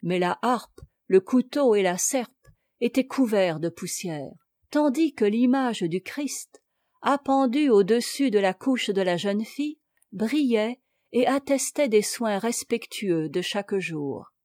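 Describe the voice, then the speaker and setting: Slow, mellow woman reading a story. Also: mid-range voice, expressive, dry recording, studio quality. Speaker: audiobook narrator. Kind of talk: scripted narration.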